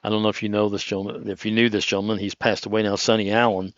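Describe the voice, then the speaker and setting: A man giving relaxed, conversational golf commentary in a chatty, rambling, anecdotal way. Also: on the low side, racing, no room sound, dull audio.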